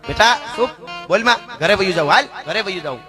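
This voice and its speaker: A man voicing a mother who is in a hurry to get home, hushing her son. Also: sits high, animated, music in the background. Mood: hurried. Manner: hurried and hushing. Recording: live show with instruments playing.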